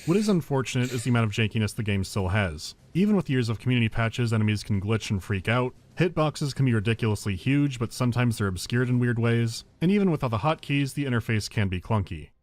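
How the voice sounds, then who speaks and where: Quick-talking wry male game reviewer. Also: mid-range voice, lively intonation, darkish tone. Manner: dry, wry humour. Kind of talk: scripted review narration. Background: game music.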